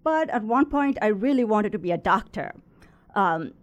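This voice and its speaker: In a muffled recording, a woman in her thirties from Sri Lanka talks as an interview guest about the resin art business she runs. She speaks at a normal speed in an expressive, medium-pitched voice, chatty and peppered with fillers and small laughs.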